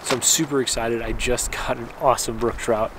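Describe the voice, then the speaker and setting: Outdoors in mountain wilderness, an American man in his thirties vlogs to camera, chatting casually and rambling. He has a mid-range voice with a steady tone and a fairly quick pace, and wind and other outdoor ambient noise can be heard.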